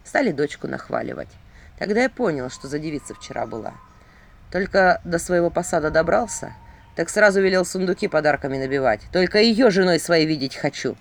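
A brooding, heavy-hearted fairy-tale prince, voiced by a woman reading the tale. He speaks low and slowly, and his tone swings widely between quiet sorrow and sudden outbursts. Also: expressive, vocal fry. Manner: slow, low, heavy storytelling voice.

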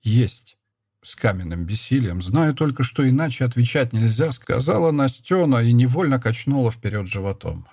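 A man narrating a literary novel in a measured, steady scripted reading. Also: medium pitch, creaky, husky, no echo, clean studio sound. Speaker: audiobook narrator.

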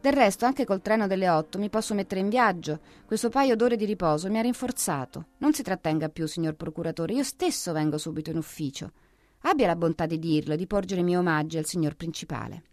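A woman's voice: lowish voice, brisk, darkish tone, no room sound, faint music behind, close to an everyday voice. A woman reading an audiobook, voicing a frantic young man who pleads breathlessly through a door and piles up excuses. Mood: frantic pleading.

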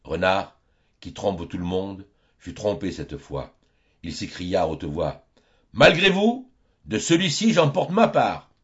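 Deep-voiced man reading a storybook. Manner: expressive, dramatic reading. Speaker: audiobook reader. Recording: dull lo-fi audiobook recording.

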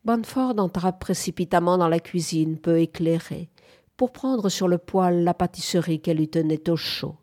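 A woman narrating a literary novel as an audiobook in a measured, even storytelling manner. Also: fairly low pitch.

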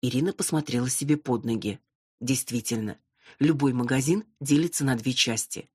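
A woman reading an audiobook narration in an even, wry storytelling manner. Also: a bass voice, moderate pace, husky, no room sound, studio quality. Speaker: audiobook reader.

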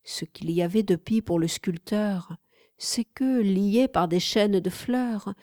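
A woman narrating a literary memoir audiobook in a measured, even storytelling manner. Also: mid-range voice, no room sound, studio quality. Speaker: audiobook reader.

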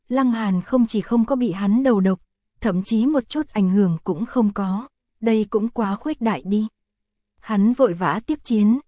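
A woman reading a fantasy novel aloud as an audiobook narrator, in a steady, even storytelling style. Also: mid-range voice, no echo, studio quality. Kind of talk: scripted narration.

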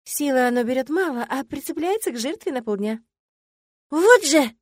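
A woman narrating a novel in the first person, in a steady audiobook reading style. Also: high voice, fast talker, dry recording, clean studio sound.

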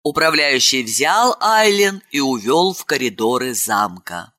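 A woman narrating an audiobook fantasy story with slow, expressive storytelling. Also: a bass voice. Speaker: audiobook reader. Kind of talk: scripted narration.

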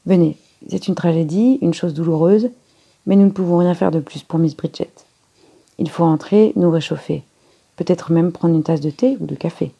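A woman voicing Poirot, a courteous older male detective who speaks calmly and with gentle authority. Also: lowish voice, moderate pace, creaky, husky.

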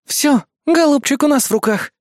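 A man voicing a cheeky, combative young female AI assistant in an audiobook, in a high excitable voice. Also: fairly quick, no echo, studio quality. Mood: eager.

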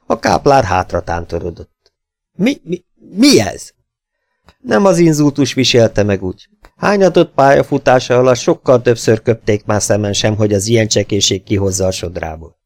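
A man narrating an adventure novel as an audiobook in a steady, even reading voice. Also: on the low side. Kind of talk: scripted narration.

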